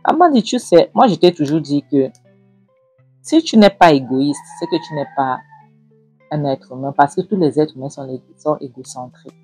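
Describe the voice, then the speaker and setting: A woman's voice: low voice, expressive, normal speed, dark tone, slightly rough, no echo, faint music behind. A woman voicing a stubborn, scheming mother who scolds her daughter. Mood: smug. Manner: scolding, insistent.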